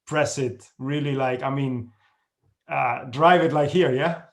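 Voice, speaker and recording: A man hosting a podcast, asking questions in a friendly, halting way with many fillers. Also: mid-range voice, steady tone. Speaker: podcast host. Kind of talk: casual interview chat.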